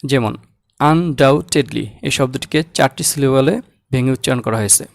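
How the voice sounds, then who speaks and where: A man teaching English pronunciation, saying example words slowly and repeating them. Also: medium pitch, fairly even intonation, dry recording. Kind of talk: slow, deliberate language lesson.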